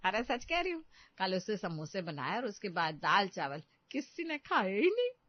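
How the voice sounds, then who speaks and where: A woman's voice: mid-range voice, wildly swooping pitch, no echo. A woman playing a boastful, bossy older mother-in-law in a cartoon story, who brags and gives orders. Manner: bragging, commanding. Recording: dull, dry lo-fi.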